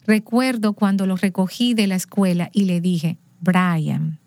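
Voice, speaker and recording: A woman telling a personal story as an interview guest, lively, acting out the lines of people in her story. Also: medium pitch, normal speed, no room sound, studio quality.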